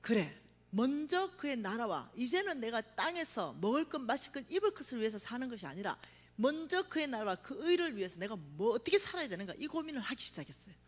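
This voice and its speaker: Animated woman preaching in a reverberant hall. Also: fairly high pitch, brisk. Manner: animated storytelling, acts out her own cries, drops to a hush for emphasis. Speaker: revival meeting speaker. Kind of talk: testimony sermon. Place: church sanctuary.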